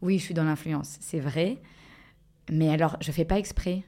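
A woman talks as a guest on a podcast, her voice sitting a little low. She thinks aloud, circling back and restarting her sentences with many fillers as she works out what she means. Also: fairly even intonation, moderate pace, dark tone. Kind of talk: casual podcast conversation.

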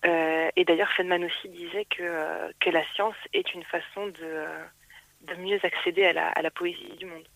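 A woman's voice: on the low side, fairly even intonation, moderate pace, vocal fry, fairly bright tone, dry recording, rough recording. Earnest woman science journalist on phone. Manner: earnest and reflective, with hesitations. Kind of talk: radio interview by phone. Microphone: telephone.

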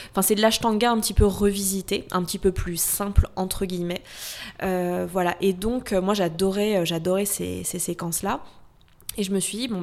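A woman's voice: mid-range voice, a little mellow. Hesitant woman yoga teacher talking casually. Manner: hesitant, many fillers and restarts, explaining. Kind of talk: casual conversational interview.

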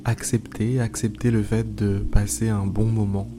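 Speaking into a microphone over music, a low-voiced man hosts an improvised guided meditation with casual asides. His tone is level and informal, and he goes slowly, pausing and repeating phrases.

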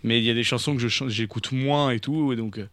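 A man hosting a casual radio chat, rambling through a story with lots of hesitations and false starts. His voice is mid-pitched and sits close to a dry studio mic. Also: fast talker, a bit bright, no room sound. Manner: rambling storyteller, many fillers and restarts. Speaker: radio show host and singer.

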